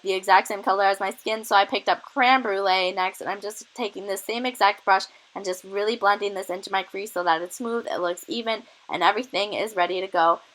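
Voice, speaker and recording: A woman's voice: medium pitch, fairly bright tone, poor audio. A young woman with a cold, a little out of breath, chatting enthusiastically through a makeup tutorial as a beauty vlogger. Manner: chatty, enthusiastic product tips.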